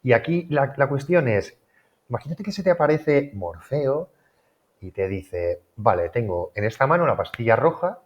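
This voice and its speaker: A man's voice: mid-range voice, moderate pace. A man hosting a casual interview and telling a story, acting out both sides of the conversation. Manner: animated storyteller, acts out both sides of dialogue. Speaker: podcast host. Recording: dull lo-fi sound.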